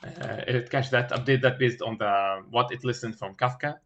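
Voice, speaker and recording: A man explaining a technical design as an interview candidate, haltingly, searching for words with many filled pauses and repeated starts. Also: mid-range voice, a bit bright, muffled recording. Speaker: engineering candidate in a mock system design interview. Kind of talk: thinking aloud through a technical design explanation.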